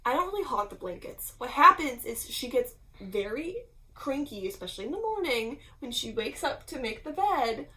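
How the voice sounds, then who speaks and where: A woman's voice: high voice, very animated, normal speed, pushed and bright, low-quality recording. A woman chatting casually with her fiancée in a tag video, playful and teasing. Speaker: vlogger. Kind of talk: casual chat. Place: home room.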